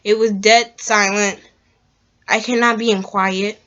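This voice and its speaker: A woman's voice: medium pitch, little pitch movement, unhurried, a bit bright, highs cut off. A young woman reading a scary story aloud in a casual vlog, stumbling and restarting as she reads. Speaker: co-host reading scary stories.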